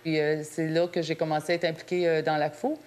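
A woman's voice: sits low, little pitch movement, fast, darkish tone. A woman from Northern Ontario, speaking in a forthright, determined way in a documentary interview. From Hearst, Northern Ontario. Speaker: interviewee, community member.

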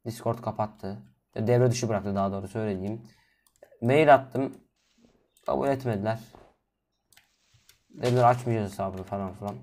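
A man doing solo gameplay commentary, chatting to viewers, drifting from low mumbling into sudden loud exasperated outbursts and curses. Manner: cursing, exasperated asides to viewers. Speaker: gaming video host.

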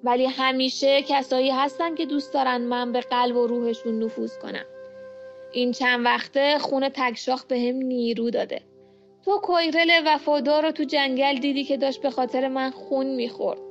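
A woman voicing an evil, snake-faced male dark lord spirit who speaks with cold menace in a storybook reading. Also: high voice, fairly even intonation, faint music behind. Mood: menacing. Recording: muffled lo-fi home recording.

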